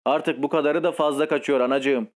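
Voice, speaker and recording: A man's voice: a little high, steady tone, brisk, lightly acted. A man reading as a scolding old countess. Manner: scolding, commanding. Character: imperious spoiled old countess, woman. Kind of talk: audiobook reading.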